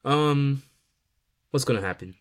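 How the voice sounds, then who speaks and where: A man's voice: mid-range voice, expressive, unhurried. A man hosting a casual sports podcast, talking loosely with lots of fillers and restarts. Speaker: podcast host.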